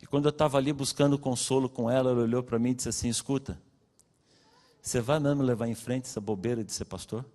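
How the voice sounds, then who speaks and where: A man with a Brazilian Portuguese accent preaching a sermon, telling his own story and acting out the dialogue with swings in pitch and loudness. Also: fairly even intonation, quick pace. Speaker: pastor. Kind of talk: sermon testimony. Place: church hall. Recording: long reverb of a church hall.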